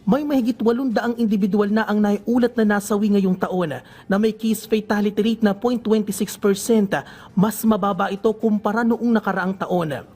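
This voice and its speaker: A male news reporter reading a scripted report in a measured, formal newsreader manner. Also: high voice, a little mellow.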